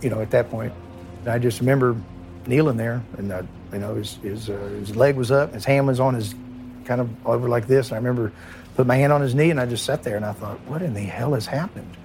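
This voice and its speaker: A middle-aged former police chief, at a medium pitch for a man. He talks in a halting, emotional way, restarting his phrases and sinking quiet on the hard parts. Soft music runs faintly behind him. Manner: halting, repeats words, quiet and heavy at times. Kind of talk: emotional first-person recollection.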